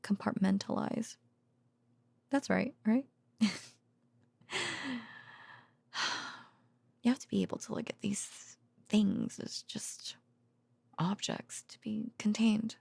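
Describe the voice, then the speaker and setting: In this intimate bedtime roleplay, a woman voices a worn-out, tender researcher girlfriend, her speech halting and trailing into whispers. The mid-range voice is creaky, mellow and husky, exaggerated in delivery, with a rueful mood.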